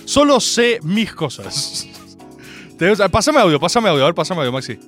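A man's voice: high-pitched, moderate pace, faint music behind. A young adult man with a Rioplatense Spanish accent, hosting a comedic radio show in a joking, ranting monologue full of swearing. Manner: animated, joking, rants with swearing. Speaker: radio host.

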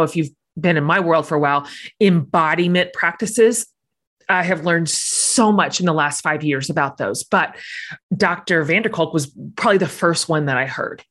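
A middle-aged woman hosts a podcast and speaks in an earnest, effusive way. Her voice sits a little low in pitch. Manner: effusive, warm praise, earnest. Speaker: podcast host. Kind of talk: podcast interview.

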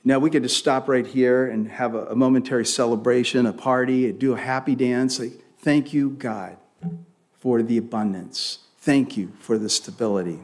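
A man's voice: medium pitch, fairly even intonation, normal speed, darkish tone. A male pastor preaching a sermon, reading scripture aloud with rising force and leading the congregation in response. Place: church sanctuary.

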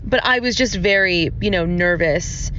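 A woman's voice: lowish voice, a little slow, fairly bright tone. A woman hosting a podcast in casual, rambling chat, recorded on her phone's voice recorder. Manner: rambling, chatty, many fillers. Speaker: podcast host. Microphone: phone voice recorder app. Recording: dull lo-fi phone voice memo with faint noise.

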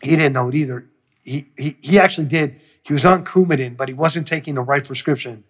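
A man's voice: on the high side, a little fast, husky. A man, a music producer, telling a long story in an interview, swearing freely and acting out what people said. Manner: profane, animated storyteller who acts out quotes.

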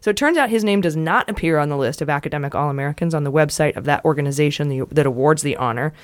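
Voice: medium pitch, rapid-fire, no echo. A podcast host running through political news in a casual, wry and profane way.

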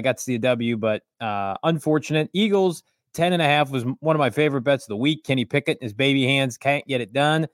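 A man co-hosting a sports betting show, wry and easygoing, with many filler pauses as he recaps his bets. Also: mid-range voice, no room sound, studio quality. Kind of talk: casual sports betting chat.

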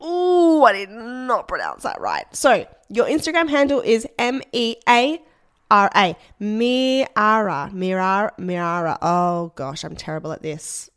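A woman's voice: on the high side, wildly swooping pitch, measured pace, no echo, studio quality. A woman hosting a podcast in casual, upbeat chat, her voice congested from a chest infection. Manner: upbeat and chatty, laughs often. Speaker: podcast host.

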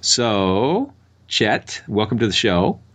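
A man with a fairly low voice presents as a curious, bright science host. His pitch moves in a very animated way. He shifts between scripted podcast introductions and casual, conversational hosting. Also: slow.

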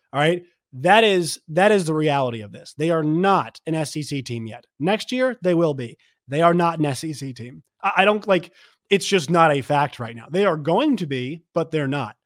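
Slightly hoarse male sports show host. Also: a little high, lively intonation, moderate pace, no echo, clean studio sound. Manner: emphatic, repeats points. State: slightly hoarse, losing his voice. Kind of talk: sports commentary to viewers.

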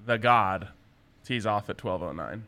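A man's voice: fairly low pitch, measured pace, pushed and bright. A man hosting a sports betting show in a casual, chatty style.

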